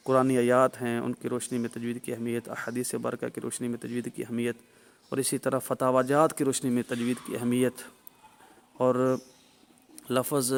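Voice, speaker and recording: A man's voice: mid-range voice, a little hiss or hum. Man teaching Quran recitation rules. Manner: explanatory, repeats points, often checks with "okay"; demonstrates sounds with loud drawn-out examples. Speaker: tajweed teacher.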